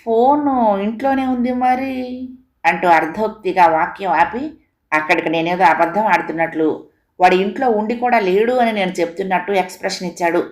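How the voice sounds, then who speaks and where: A woman reading a comic story aloud in a steady, expressive storytelling manner. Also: on the low side, fairly quick. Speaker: story reader. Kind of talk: storytelling narration. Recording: echoey room recording.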